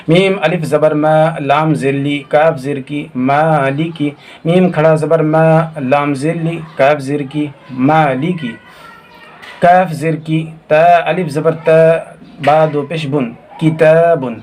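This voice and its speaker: A man teaching Quran reading in a recorded lesson, spelling out letters and vowel marks slowly, with quicker explanations in between. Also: on the high side, a little mellow. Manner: slow, drawn-out recitation of syllables, then quick asides.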